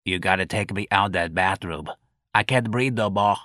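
Wheezing, feeble sick patrolman voiced by a male reader, quiet and pleading. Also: on the low side, moderate pace, no echo, studio quality, lightly acted. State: wheezing, sniffling. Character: sickly, meek middle-aged patrolman.

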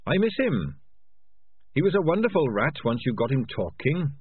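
A gentle little storybook rat, voiced by a man speaks in a raised, lilting voice. He is a trusting idealist, earnest and kindly. The sound is dry and close. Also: medium pitch, very animated, moderate pace, husky, dry recording, phone-quality sound, pitched above the performer's own voice.

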